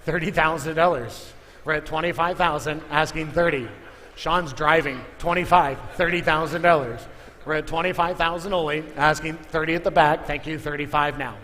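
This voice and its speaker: An auctioneer chants live bids, repeating figures and calling for offers in a big indoor auction room. His fairly high, slightly bright voice is brisk and fairly even in intonation, and the recording has hall echo with noticeable background noise.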